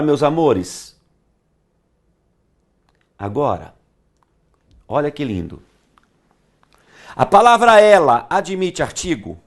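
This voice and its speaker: A middle-aged man with a Brazilian Portuguese accent teaching grammar in a theatrical classroom lecture, talking straight to the class and repeating phrases in a singsong. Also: fairly high pitch. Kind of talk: animated classroom lecture to camera.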